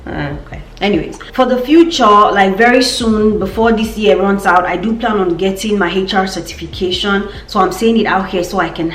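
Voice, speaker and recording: A woman's voice: medium pitch, moderate pace, few pauses, fairly bright tone, reverberant, slight background noise. A young woman with a Nigerian accent, chatting casually in a vlog update and repeating words for emphasis. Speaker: vlogger.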